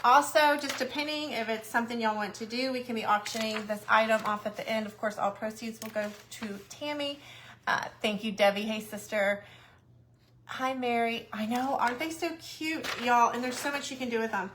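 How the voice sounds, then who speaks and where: A woman's voice: fairly high pitch, normal speed, a bit bright, a little hiss or hum. A woman hosting a casual craft livestream, chatty and a little nervous, greeting viewers by name.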